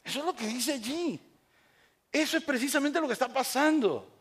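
A pastor, preaching a sermon with rhetorical questions and acted-out stories. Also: male voice, extremely high pitch, animated, normal speed, fairly bright tone, breathy edge.

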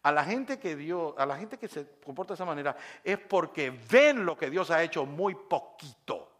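A male pastor preaching a sermon, swinging from quiet asides to shouted praise and acting out voices of the congregation. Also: a little high, lively intonation, moderate pace.

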